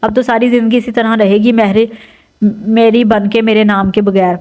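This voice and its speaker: A woman's voice: a little high, little pitch movement, darkish tone, lightly acted. Brief: arrogant cruel village landlord, scornful, voiced by a woman narrator. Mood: contemptuous. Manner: contemptuous, bullying.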